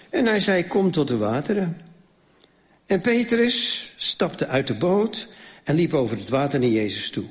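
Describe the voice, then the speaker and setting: A man delivers a sermon, his voice sitting a little high. He reads Bible passages aloud, asks the congregation rhetorical questions, and moves between raised emphasis and hushed moments. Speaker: preacher.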